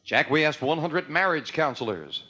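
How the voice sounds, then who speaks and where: A man's voice: fairly high pitch, animated, moderate pace, muffled recording. A man working as a game show host, announcing questions and results with emphatic, suspenseful showmanship. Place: TV game show studio with audience. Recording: noisy TV studio with loud audience. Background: loud studio audience.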